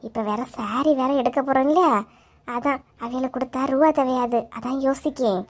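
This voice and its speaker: A woman's voice: high voice, fairly even intonation, moderate pace, voice pushed down. A woman with a Kanyakumari Tamil accent voicing a hesitant village woman short of money, speaking meekly in a comic cartoon. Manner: meek, hesitant.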